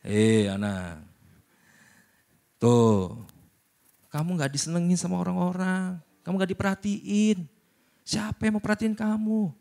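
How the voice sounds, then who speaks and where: A man's voice: high-pitched, a little slow, vocal fry, long pauses, warm tone, pitched above the performer's own voice. A man voicing a male devil who whispers taunts and temptations, belittling and jeering. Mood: taunting.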